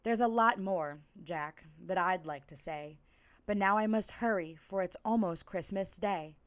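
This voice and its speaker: A woman voicing a kindly but firm old male Santa in a storybook reading, measured and gently admonishing. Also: lowish voice, dry recording, natural voice.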